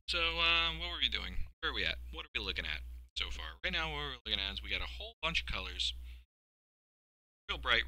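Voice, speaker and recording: Brief: deep-voiced tired man, rambling self-mocking art streamer, dry close desk mic. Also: pushed and bright, no room sound, poor audio. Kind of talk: casual live-stream tutorial chat.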